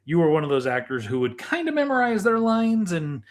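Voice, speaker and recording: A middle-aged man co-hosts a chatty, casual podcast that involves tasting snacks. His voice is on the high side, sing-song and brisk.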